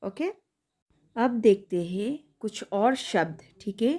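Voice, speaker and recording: A woman teaching young children online, sounding out words slowly and asking questions she answers herself. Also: medium pitch, lively intonation, dark tone. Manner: slow, carefully spelled-out pronunciation drills. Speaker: primary school teacher.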